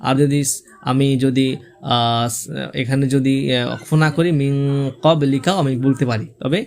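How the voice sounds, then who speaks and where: A man teaching Quran reading step by step, spelling out letters and vowel marks, then reciting the words slowly. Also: medium pitch.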